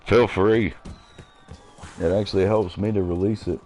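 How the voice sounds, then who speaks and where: A man's voice: on the low side, steady tone, slow, a little mellow. A man in his thirties talking on a live game stream, blunt, profane and emotional as he vents.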